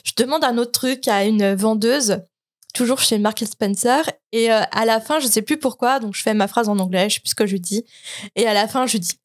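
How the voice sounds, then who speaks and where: A woman's voice: a little high, moderate pace. A French woman co-hosting a casual podcast, telling stories with many hesitations and fillers. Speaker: podcast co-host. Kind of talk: casual chat, telling an anecdote.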